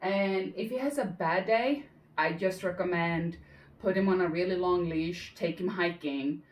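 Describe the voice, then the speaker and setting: A woman's voice: lowish voice, unhurried. A woman dog trainer talking casually through a training session, explaining while breaking off to praise and cue the dog. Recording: roomy, distant mic, faint noise.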